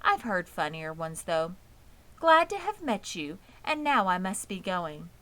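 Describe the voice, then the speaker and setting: A woman's voice: fairly low pitch, big pitch swings, measured pace, a bit bright. A woman voicing a clever female spider, composed and polite, with a precise, dry way of talking.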